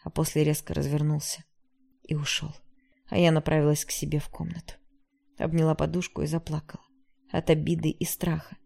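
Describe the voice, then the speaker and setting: A woman reading a first-person novel aloud in a steady, emotive storytelling manner. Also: deep voice, fairly quick, gravelly. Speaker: audiobook narrator.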